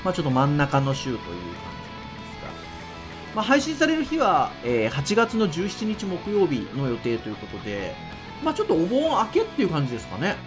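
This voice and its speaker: Lively, higher-pitched man, ultra-polite podcast host. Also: fairly quick, over music. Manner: ultra-polite, very formal honorific Japanese. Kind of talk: podcast casual chat in polite speech.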